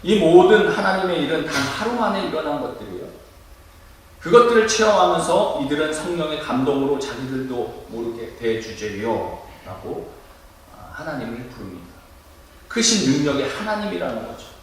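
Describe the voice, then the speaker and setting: A male pastor preaching a sermon in a church, lively and demonstrative, acting out loud cries to make his point. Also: fairly high pitch, brisk, slight background noise. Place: church sanctuary. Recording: echoey room, mic at a distance.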